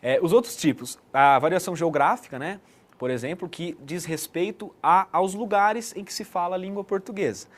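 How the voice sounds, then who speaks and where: A man's voice: sits high, normal speed. A man giving an explanatory online lesson as a teacher, checking in with the listener often. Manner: didactic, frequent "né" tag questions.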